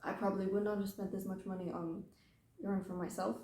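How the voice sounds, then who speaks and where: A young British woman talks casually as the host of a knitting podcast, wandering off on tangents and gently poking fun at herself. Her voice is mellow and soft-edged, sitting at an ordinary pitch for a woman. It was recorded at home in a room that gives it a noticeable echo. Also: flat delivery, fairly quick. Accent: British English. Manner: rambling and self-deprecating, full of "like". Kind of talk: casual chat. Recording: roomy echo.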